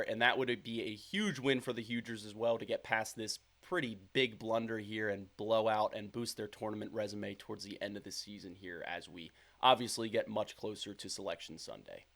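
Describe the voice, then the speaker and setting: A man's voice: mid-range voice, a bit bright. A young man hosting a solo sports podcast, giving confident, opinionated commentary and repeating his takes. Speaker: podcast host.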